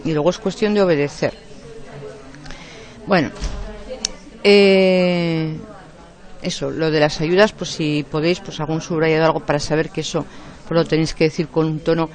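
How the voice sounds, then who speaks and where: A man's voice: fairly high pitch, fairly even intonation, moderate pace, long pauses. Man lecturing exam candidates. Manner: explanatory, checks in often with short tags. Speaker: teacher coaching exam candidates. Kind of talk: classroom lecture.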